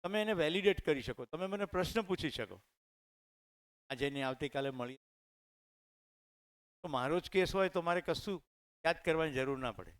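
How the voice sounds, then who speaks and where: A middle-aged man speaks with a clear, resonant voice and a Gujarati accent. He tells anecdotes conversationally to teachers in a training hall, speaking into a microphone. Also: fairly high pitch, animated, normal speed, long pauses. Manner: conversational, anecdotal, addresses audience directly. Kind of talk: storytelling talk to teachers. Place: training hall with live audience.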